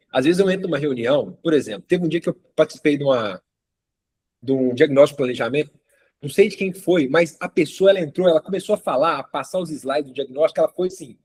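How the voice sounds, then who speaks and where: A man's voice: a little high, a little mellow, breathy edge. A man giving a casual online class as instructor, talking conversationally, often asking "got it?" and acting out client dialogue. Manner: conversational, frequent tag questions and acted client dialogue. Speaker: course instructor.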